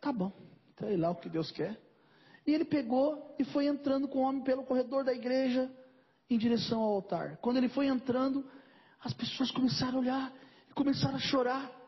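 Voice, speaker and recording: Husky high-voiced man preaching. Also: a little fast, lo-fi sound. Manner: storytelling sermon, acting out dialogue with God. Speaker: pastor. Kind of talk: sermon.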